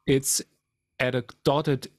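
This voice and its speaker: A man demonstrating guitar amp settings, explaining in a halting way. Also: mid-range voice, flat delivery. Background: faint guitar playing.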